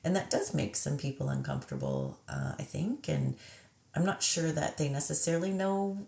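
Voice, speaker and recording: Low, gravelly-voiced woman in a roomy space. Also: big pitch swings, a little mellow. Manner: reflective, measured, with frequent pauses and fillers. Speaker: podcast conversation partner. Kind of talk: casual reflective conversation.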